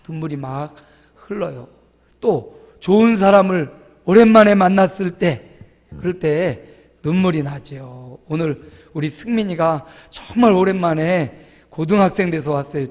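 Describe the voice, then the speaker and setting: Man, pastor, animated sermon, acts out voices, church sanctuary, lingering reverb. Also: fairly high pitch. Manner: animated storytelling, acts out groans and quotes.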